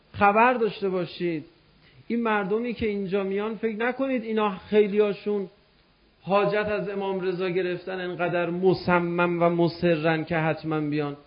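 A man's voice: high voice, steady tone, highs cut off. A man telling a religious story as a sermon, impassioned and calling out directly to his listeners. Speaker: religious preacher.

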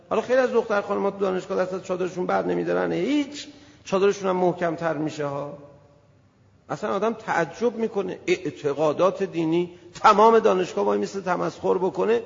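High, gravelly-voiced man preaching. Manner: animated, acts out little scenes and voices. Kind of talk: colloquial sermon to a gathering. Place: hall with an audience. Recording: echoey hall, dull lo-fi sound.

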